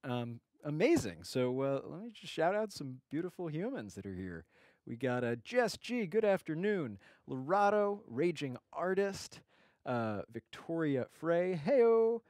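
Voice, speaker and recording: Speaking a little slowly, a man with a slightly high voice and big swings in pitch hosts a relaxed livestream. The sound is studio quality with no echo. He greets viewers warmly by name and rambles, restarting often and leaning on fillers.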